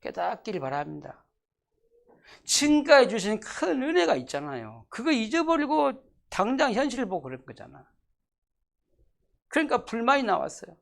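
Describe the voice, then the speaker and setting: A preacher delivering a church sermon, the pitch leaping up and down with lively animation. Key phrases come back again and again, and questions are thrown out at the congregation. Loud, pressing declarations give way to sudden quiet, almost whispered asides. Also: gravelly. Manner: emphatic, repeats key phrases, asks the congregation rhetorical questions. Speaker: pastor. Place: church sanctuary.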